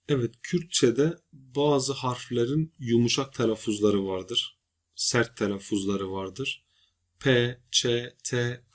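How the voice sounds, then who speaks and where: A male teacher giving a recorded grammar lesson, patiently explaining and slowly repeating example words. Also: fairly low pitch. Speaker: language teacher.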